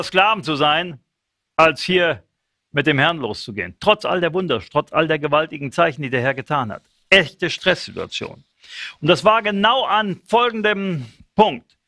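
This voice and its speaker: Animated high-voiced preacher. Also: male voice, no echo, studio quality. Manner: animated, emphatic, acts out quoted lines. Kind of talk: sermon.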